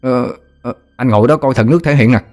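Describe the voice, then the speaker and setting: A man's voice: medium pitch, fast talker, a little mellow, soft background music, pitched above the performer's own voice, lightly acted. A man with a Southern Vietnamese accent voicing a young village boy who pouts, whines and boasts. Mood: boastful. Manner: pouting, whiny, cocky.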